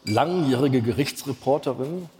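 A man from Lower Saxony co-hosting a live podcast on stage, dry and playful as he runs the show. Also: expressive, normal speed, loud music behind the voice. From Lower Saxony, Germany. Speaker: podcast co-host. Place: large concert hall before an audience. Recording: hall reverb with faint noise.

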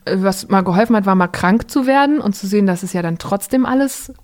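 A woman's voice: medium pitch, quick pace, a little mellow. A woman in her twenties, a podcast guest, talking casually in long winding sentences full of fillers and restarts. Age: 20s. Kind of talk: casual conversation.

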